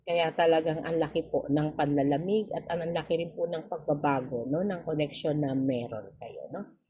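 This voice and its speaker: A woman giving a tarot reading straight to the viewer, polite and gentle, tagging nearly every phrase with a questioning "no?". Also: low voice, normal speed, dull audio. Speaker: tarot reader.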